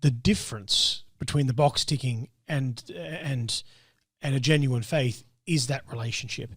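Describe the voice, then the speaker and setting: A man who is a priest co-hosting a podcast, speaking reflectively and haltingly, often repeating words. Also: medium pitch, a bit bright, breathy edge, dry recording, studio quality. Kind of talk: reflective conversation.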